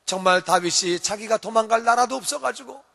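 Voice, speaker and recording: Pastor guy preaching, high voice, bright and sharp, big echoey church hall. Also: fairly quick, gravelly. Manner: emphatic preaching, repeats phrases for stress. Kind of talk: sermon.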